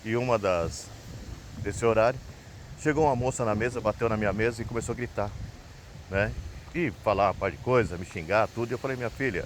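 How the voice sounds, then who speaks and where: There's slight background noise as this Brazilian vlogger talks a little fast in a fairly low voice. He tells a personal story casually and ramblingly, with a Brazilian Portuguese accent and a habit of ending sentences with "né?".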